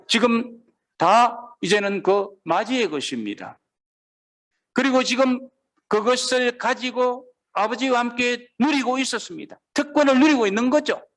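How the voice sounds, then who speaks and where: A pastor delivers a sermon in a fairly high-pitched male voice. He slows down for scripture readings and keeps turning to the congregation with questions. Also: a bit bright. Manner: asks the congregation questions and reads scripture slowly.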